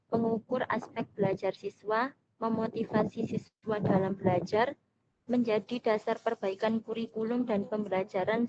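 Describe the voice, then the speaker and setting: A young woman, a student presenter, reads her prepared notes steadily and formally. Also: medium pitch. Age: young adult. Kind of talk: reading prepared lesson notes. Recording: dull, noisy classroom recording.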